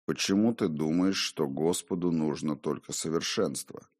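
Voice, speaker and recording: A man voicing a ghostly male double, a conscience that speaks low, hushed, calm and taunting, in an audiobook. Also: moderate pace. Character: eerie whispering male double, his conscience. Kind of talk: audiobook character voice.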